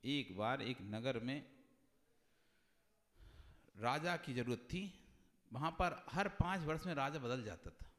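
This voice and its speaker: A male monk giving a devotional sermon on meditation, dropping to hushed asides and then rising to loud, repeated exhortations. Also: animated, slow, long pauses. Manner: swings between hushed low asides and loud high exhortation, repeats phrases. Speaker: Jain monk preacher. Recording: reverberant hall sound.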